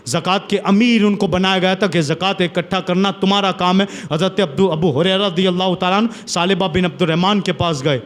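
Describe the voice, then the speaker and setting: A man with a high voice delivers a sermon from India, retelling stories with dramatic flair. He repeats phrases for emphasis and builds to strong, declaiming peaks. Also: steady tone, hardly any pauses. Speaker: preacher. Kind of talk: sermon storytelling.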